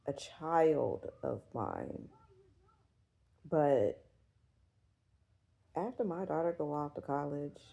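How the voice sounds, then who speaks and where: A woman's voice: sits low, gravelly, mellow, low-quality recording. A woman in her forties chatting casually to camera in a rambling, profane way, full of fillers. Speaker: vlogger. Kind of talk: casual chat.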